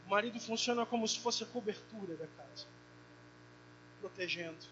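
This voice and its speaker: A high-pitched male pastor preaches fervently in a church, his words swelling into loud, heartfelt prayer. The recording sounds dull and muffled, with a clear electrical hum underneath. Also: normal speed. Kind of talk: sermon.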